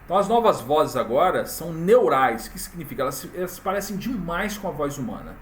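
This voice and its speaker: A man walking viewers through a software tutorial in a casual, chatty way, full of fillers and tag questions. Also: a little high, big pitch swings, a little fast, slight background noise. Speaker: tutorial presenter. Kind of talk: casual screen-recorded tutorial.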